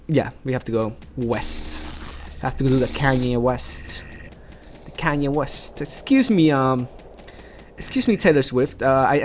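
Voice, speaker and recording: A man's voice: mid-range voice, slight background noise. A young man from South America giving jokey, rambling let's play commentary while he plays. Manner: rambling, jokey, talks to himself.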